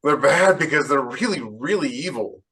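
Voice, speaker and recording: A man with a medium-pitched voice speaks at a normal pace, sitting far from the mic while a crowd murmurs behind him. He's a fiction author hosting a casual podcast chat, animatedly retelling events, acting out the quoted exchanges, and sharing strong opinions.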